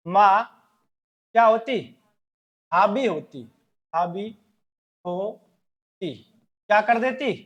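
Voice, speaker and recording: A man with a Rajasthani Hindi accent teaches a class in a classroom, speaking loudly and emphatically. He talks at an unhurried pace and drills words out syllable by syllable. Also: sits high, highs cut off. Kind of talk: classroom lecture with memory trick.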